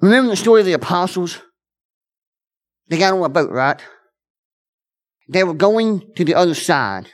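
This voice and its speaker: Preaching conversationally to his church, an earnest pastor uses a high, expressive voice. Phrases get restarted and repeated as he circles his words, with brisk offhand asides giving way to slow, weighty moments.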